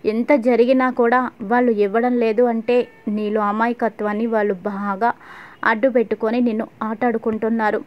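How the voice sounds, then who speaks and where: A sly middle-aged schemer goads and needles her target, read by a woman narrator. The voice is high and flat. The recording sounds dull and lo-fi. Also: normal speed, natural voice. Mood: goading. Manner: needling, goading.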